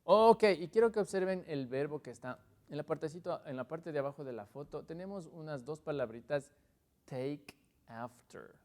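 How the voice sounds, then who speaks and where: A man teaching English on a TV lesson, pronouncing English phrases slowly and carefully. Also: on the high side, expressive, darkish tone. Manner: slow, drawn-out model phrases in English. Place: TV studio.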